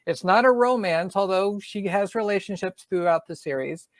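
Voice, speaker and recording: This interview features a middle-aged woman from Georgia, an author with a light Southern accent, speaking thoughtfully in a casual chat with many fillers and restarts. Her voice is mid-range, her speed normal, and the recording dry.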